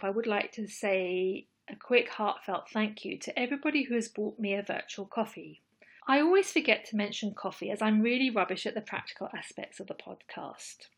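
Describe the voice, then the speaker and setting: Breathy woman hosting a podcast. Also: medium pitch. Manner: measured, thoughtful, earnest. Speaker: podcast host. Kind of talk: scripted solo podcast talk.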